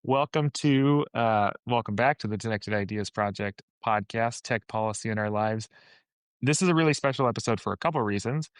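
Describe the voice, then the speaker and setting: Low-voiced male podcast host. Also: fairly quick, clear, resonant tone, no room sound, poor audio. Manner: earnest, conversational, with restarts. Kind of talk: podcast interview.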